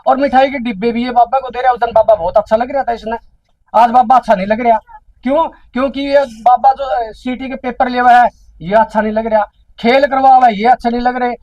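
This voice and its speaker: A man with a Haryanvi accent gives an indignant public address at a village council meeting, asking rhetorical questions over and over. His voice sits very high for a man and sounds close and dry. The recording is dull and lo-fi. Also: a little mellow, dry recording.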